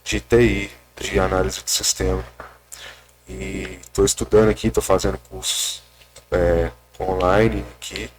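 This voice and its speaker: A young man, speaking hesitantly with many restarts and pauses while recounting his story in an interview at a rural rehab center. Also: deep voice, little pitch movement, slight background noise. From Minas Gerais, Brazil. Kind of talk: casual personal account.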